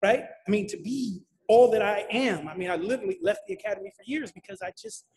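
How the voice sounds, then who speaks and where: A man moderating a panel, animated and emphatic, often repeating himself and asking "right?". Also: high voice, fast. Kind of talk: panel discussion.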